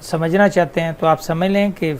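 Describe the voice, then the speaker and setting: Guy doing a casual tutorial, fairly high voice, goes over the same points again. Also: steady tone, normal speed, clean tone. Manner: explains step by step, repeats key points. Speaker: channel host explaining university exams. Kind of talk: casual screen-recorded tutorial.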